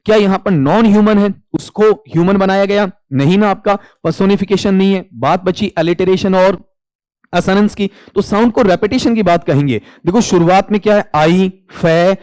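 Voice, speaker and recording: A man's voice: sits high, normal speed, darkish tone, no echo. A male English teacher with a Hindi accent, explaining an exam question and quizzing students, answering his own questions and calling them "beta". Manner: calls students 'beta'. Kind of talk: exam-prep lecture.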